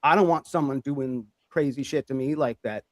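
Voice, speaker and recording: A man's voice: medium pitch, moderate pace, dry recording. Man, podcast co-host, reflective, asks for agreement, dry mic. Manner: reasoning aloud, asks "right?". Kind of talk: casual group debate.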